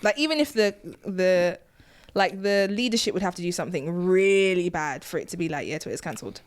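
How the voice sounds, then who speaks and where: A woman co-hosting a casual podcast, chatting in a wry, lively way and laughing often. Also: lowish voice, moderate pace, smooth. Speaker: podcast co-host.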